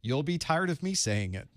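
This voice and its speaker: A man's voice: fairly high pitch, very animated, moderate pace, no room sound, studio quality. A man hosting a live study-group stream, chatting casually and greeting viewers while he sets up his gear.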